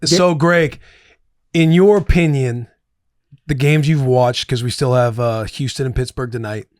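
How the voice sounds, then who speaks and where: A man in his thirties co-hosting a podcast, asking a guest questions in a relaxed, casual way. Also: medium pitch, unhurried, no room sound, studio quality. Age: 30s. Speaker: podcast co-host.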